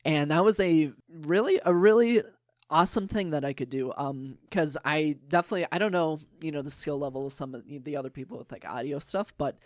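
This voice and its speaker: A man's voice: fairly high pitch, brisk, no room sound, clean studio sound. A young adult man talking as a podcast guest in a casual, eager way, rambling with lots of fillers.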